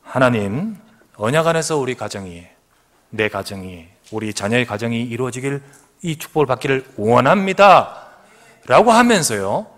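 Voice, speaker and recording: This is a middle-aged man preaching in a church sanctuary, his medium-pitched voice at a moderate pace. As pastor, he tells stories animatedly with laughter and acts out quoted voices.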